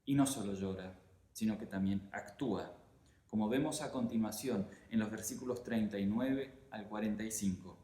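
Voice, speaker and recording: A man's voice: fairly low pitch, warm tone. Argentine man preaching in a roomy church. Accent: Argentine Spanish. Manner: measured, emphatic preaching with pauses. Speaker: pastor. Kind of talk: sermon.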